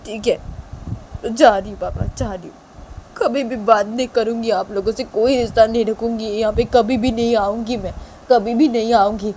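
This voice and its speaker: A woman's voice: medium pitch, lively intonation, unhurried, pauses often, darkish tone, slight background noise, close to an everyday voice, low-quality recording. Woman voicing a tearful, defiant young woman. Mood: hurt defiant. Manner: tearful, defiant, repeating vows. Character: hurt young woman leaving her home.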